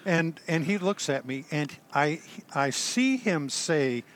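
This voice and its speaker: An older man, a retired army chaplain, telling his story in a halting, self-deprecating way with dry humor. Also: a little high, lively intonation, a bit bright. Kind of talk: conversational storytelling.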